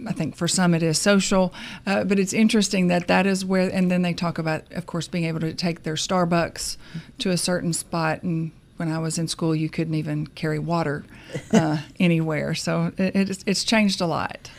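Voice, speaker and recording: A woman's voice: on the low side, little pitch movement, moderate pace, creaky. A woman from the university staff, chatting as a radio guest in a hesitant, friendly way with frequent fillers. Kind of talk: casual interview chat.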